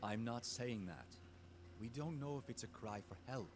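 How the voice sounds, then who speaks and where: A man's voice: mid-range voice, animated, normal speed, noisy background, close to an everyday voice. An actor voicing a cautious young male traveler who argues in a firm, practical way.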